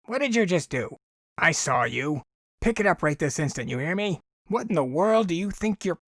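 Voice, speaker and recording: A man voicing an angry male alien with a stiff, clear, high-pitched way of speaking, in a dry audiobook reading. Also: expressive, a little slow, fairly bright tone, no room sound. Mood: furious. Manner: scolding, commanding. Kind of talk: audiobook character voice.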